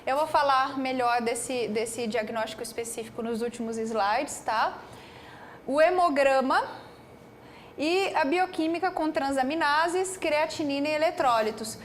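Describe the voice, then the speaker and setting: Brazilian woman pharmacist lecturer with a high voice and an animated, chatty delivery. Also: unhurried, a little hiss or hum. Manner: animated, peppers speech with "né" and "tá".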